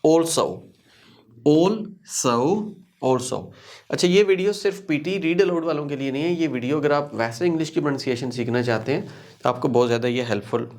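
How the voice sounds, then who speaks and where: A man's voice: a little high, quick pace, darkish tone. A man, teaching English pronunciation in a recorded lesson, repeating each word and spelling out its sounds. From Pakistan.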